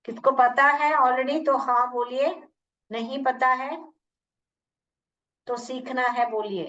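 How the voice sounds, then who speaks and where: Indian lady teacher, slow phonics class, repeats sounds, kinda far from the mic. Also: high voice, fairly even intonation, fairly bright tone. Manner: slow, repeats sounds and words, asks questions. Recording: muffled, distant from the mic.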